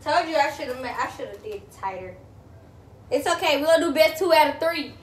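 A young woman vlogging, talking loudly in playful, protesting banter with her cousin. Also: sits high, lively intonation, brisk. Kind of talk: casual challenge vlog. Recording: echoey room from a distance.

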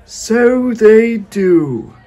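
A man voicing a wicked, cruel male wizard who gloats and speaks in a slow, drawn-out, booming way. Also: lively intonation, warm tone, a faint crowd, exaggerated voice. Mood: gloating.

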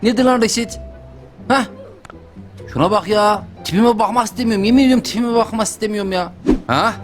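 A man's voice: high voice, fairly quick, soft background music. A young man doing joking lets-play commentary for a gaming channel, talking straight to his viewers. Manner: excitable, joking, talks to viewers. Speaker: gaming youtuber.

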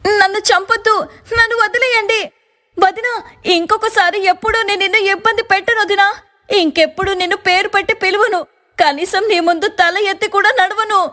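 A woman's voice: extremely high pitch, moderate pace, pauses often. A woman voicing a spoiled, demanding young sister-in-law in a cartoon story, talking in a scolding way. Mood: frightened.

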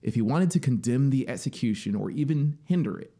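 An animated male narrator reads a story dramatically, audiobook style, at a brisk pace and medium pitch. He records indoors in a small home music studio, close to a studio mic on a boom arm.

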